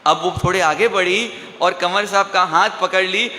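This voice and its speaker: Male preacher, high and bright, slow storytelling sermon, quizzes the crowd and answers himself, echoey hall. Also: steady tone. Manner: asks the audience rhetorical questions and answers them himself; slow, drawn-out storytelling delivery. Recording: echoey hall with faint ambience.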